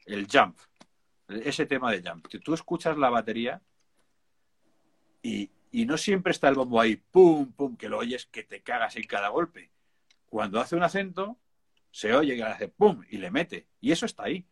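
A man's voice: mid-range voice, very animated, moderate pace, vocal fry, long pauses, a bit bright, husky. A man with a Spain Spanish accent, a music producer chatting casually, emphatic and full of slang. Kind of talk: casual chat.

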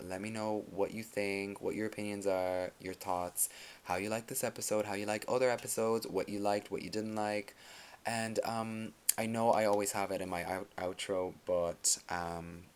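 A man hosting his own podcast in casual solo talk, soft-spoken and sassy, with many ums. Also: sits low. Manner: sassy slang, calls listeners girl. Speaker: podcast host.

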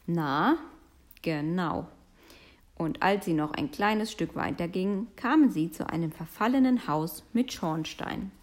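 A woman reading a children's story aloud in an expressive, sing-song storytelling manner. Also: on the low side, measured pace. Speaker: storybook reader.

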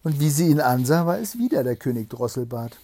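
A man reading a fairy tale aloud to a child, with a lively storytelling delivery. His voice is warm and mellow with a slightly husky grain, and he stops now and then to explain things gently. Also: medium pitch, fairly quick, dry recording.

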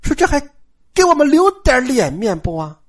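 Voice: high-pitched, big pitch swings, normal speed, voice pushed up. A storyteller voicing an indignant middle-aged servant woman who complains sarcastically. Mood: aggrieved. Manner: whining, sarcastic.

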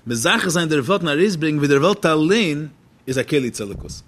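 A man's voice: a little high, animated, brisk, fairly bright tone. A man giving a religious text lecture as a teacher, posing questions and then answering them.

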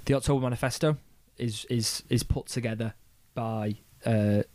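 A man's voice: medium pitch, steady tone, normal speed, dark tone, no echo. A man casually explaining history on a podcast, rambling and swearing, with many restarts. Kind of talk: casual chat.

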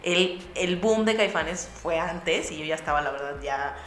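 A young woman with a Mexican Spanish accent, telling a lively anecdote to friends and acting out the voices of the people in it. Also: low voice, unhurried, echoey room, a little hiss or hum. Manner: lively storyteller acting out voices with bursts of laughter.

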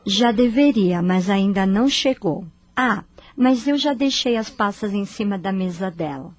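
A plain-spoken helper answers matter-of-factly in a radio play, voiced by an actress. Her mid-pitched voice is recorded close and dry. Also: animated, unhurried, no room sound.

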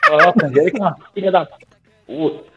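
A young man, a singing teacher, telling animated, slangy stories in a podcast interview and acting out his own old lines. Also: a little high, racing, very noisy. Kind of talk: casual storytelling in a podcast interview. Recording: tinny phone-like sound with faint music.

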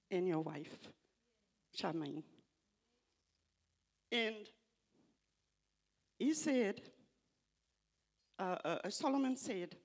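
Slowly reading scripture and reflecting on it as a tribute at a church gathering, an older woman halts and goes back over phrases. English isn't her first language; she has an Afrikaans accent and a fairly high voice with a breathy edge.

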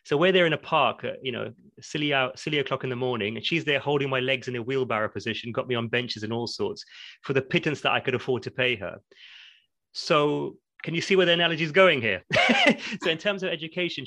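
A man's voice: mid-range voice, expressive, fairly quick, bright, forceful tone, dry recording. A man, a podcast guest speaking reflectively and at length, with light laughs as he explains ideas. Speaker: podcast guest, academic in learning development. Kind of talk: conversational interview.

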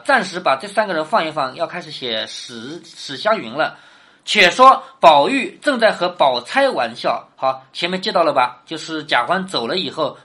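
A woman's voice: lowish voice, a bit bright. A woman teaching a classic novel, reading passages aloud and then explaining them, often asking her listener questions. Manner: asks the listener questions, reads quoted lines with more lift.

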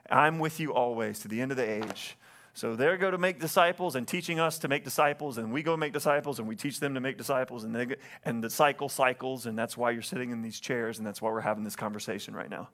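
A man pastors a church and preaches earnestly from the stage of the sanctuary, picked up by a stage microphone. His mid-range voice is fast with a fairly bright tone, and he often calls for an amen and repeats phrases as he goes.

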